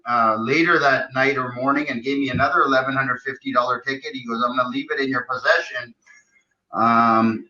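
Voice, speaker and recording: Through dull, lo-fi stream audio, a middle-aged man indignantly retells something that happened to him, voicing the lines others said to him. His voice is medium-pitched with a sharp tone, and he sounds agitated.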